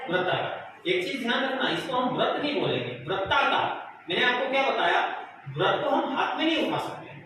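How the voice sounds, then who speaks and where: Brisk and very animated, a male math teacher with a very high voice poses questions to his class and supplies the answers himself. He's captured from far off in a noisy, echoing room.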